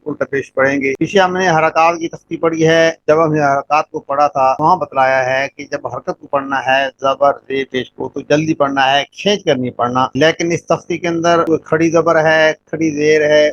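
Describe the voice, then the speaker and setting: A man teaching children to read the Quran, drilling syllables in a drawn-out, sing-song way on a dull recording with faint music. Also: fairly high pitch, fairly bright tone, no room sound. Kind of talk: recitation lesson for children. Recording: dull, muffled audio with faint background music.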